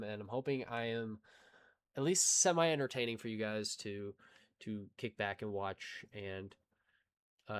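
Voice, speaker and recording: Rambling young man, lower voice. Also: clear, resonant tone. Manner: rambling, self-deprecating, talks in restarts and filler. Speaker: gaming YouTuber. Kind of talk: casual rambling chat to viewers.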